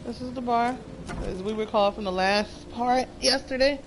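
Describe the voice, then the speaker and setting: A woman with a creaky voice giving casual commentary as she plays a video game. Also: on the high side, moderate pace, background noise. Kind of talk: casual let's-play commentary. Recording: game music behind the voice.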